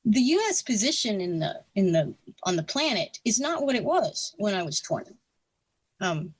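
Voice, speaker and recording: A woman's voice: mid-range voice, husky, dry recording. A woman of sixty, a podcast guest, giving frank, opinionated views in casual talk full of restarts and fillers. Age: 60s.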